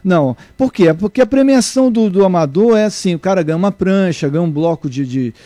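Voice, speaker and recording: A middle-aged man from Brazil, a guest surfer and surf instructor, answering interview questions in a halting way with many restarts. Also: high voice, expressive, mellow, no room sound. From Brazil (born in Salvador, raised in Niterói). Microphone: remote mic, at first too far away.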